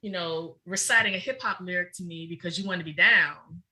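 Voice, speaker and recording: A woman's voice: lowish voice, sharp tone, rough recording. A middle-aged woman speaking passionately and emphatically as a guest in a podcast interview. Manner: passionate, emphatic, fast-flowing. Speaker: guest, researcher.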